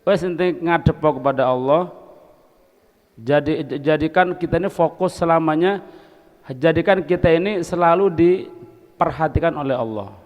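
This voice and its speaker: A man's voice: a little high, normal speed, pauses often, in a large hall. A man gives a folksy, conversational sermon in a religious study circle, asking the audience questions and slipping in Arabic phrases. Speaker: religious teacher. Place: hall of a boarding school.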